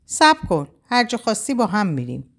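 A woman reading a novel aloud, voicing a caring young man who talks softly and coaxingly. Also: mid-range voice, sing-song, pitched above the performer's own voice. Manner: soothing, gently coaxing. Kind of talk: audiobook character voice.

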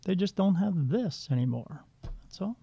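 This man's high voice is husky and dark in tone, with vocal fry, and he's animated yet unhurried. A psychic medium, he tells blunt, rambling stories and often restarts during a casual interview, captured in dull, lo-fi, dry audio.

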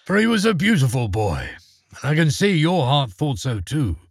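A man voicing a gentle, solemn older king in a storybook reading, speaking formally. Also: a little high, wildly swooping pitch, moderate pace, breathy edge, dry recording, clean studio sound, heavily acted. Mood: courtly. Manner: formal and courtly. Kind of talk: storybook character voice.

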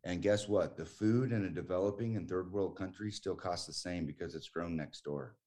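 A man from the United States in his forties chats as a conversation guest at normal speed, emphatic and prone to frequent restarts. His voice is low and dark.

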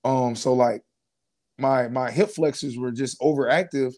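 A man's voice: medium pitch, a little slow. A man in his twenties, a former pro football player, telling his story in a casual interview with slang and lots of fillers. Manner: relaxed, casual slang, many fillers and restarts.

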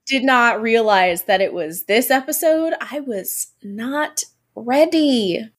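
A woman's voice: on the high side, expressive, takes it slowly. A woman co-hosting a podcast in casual, jokey chat, with a stuffy nose from a head cold. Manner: jokey, laughs often. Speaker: podcast co-host. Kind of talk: casual chat about a TV episode.

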